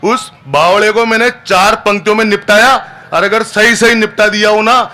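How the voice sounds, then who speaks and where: A man's voice: high voice, fairly even intonation, normal speed, pushed and bright. A man, a comic poet reciting live on a festival stage, chatty and always asking the crowd "haan?". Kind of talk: live stand-up poetry recital.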